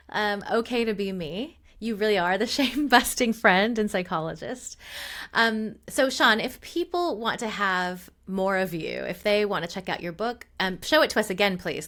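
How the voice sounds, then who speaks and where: A woman's voice: medium pitch, a bit bright. A woman psychologist hosting an interview, chatting casually, who affirms her guest, laughs easily and sums up what was said. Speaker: podcast host and psychologist.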